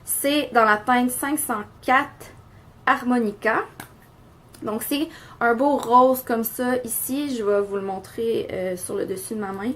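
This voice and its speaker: A woman's voice: on the high side, measured pace, a bit bright. A young woman with a Quebec French accent, chatting casually through a beauty haul and showing products, with lots of fillers. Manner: chatty, filler-heavy, shows products to camera. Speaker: beauty vlogger.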